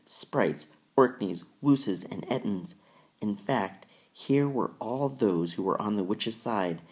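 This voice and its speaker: A man reading a children's novel aloud in measured, deliberate storytelling narration. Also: sits low, mellow. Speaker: audiobook reader. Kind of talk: scripted narration.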